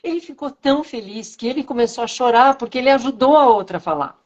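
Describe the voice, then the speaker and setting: A woman guest, a speech therapist, chatting on a video call and telling stories with animated, shifting intonation. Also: on the high side, fast talker, lo-fi sound. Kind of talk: casual video-call conversation.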